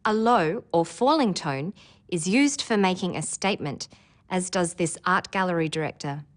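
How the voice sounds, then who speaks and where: A woman presenting an English exam preparation lesson in clear, careful scripted narration. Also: on the low side, moderate pace, faint music behind. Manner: clear, careful delivery with demonstrated intonation.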